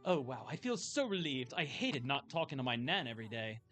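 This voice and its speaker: A man's voice: mid-range voice, sing-song, a little fast, a bit bright, soft background music. A man reading out an earnest young woman manager. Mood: relieved. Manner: earnest and heartfelt, read aloud from game dialogue. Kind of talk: reading game dialogue aloud.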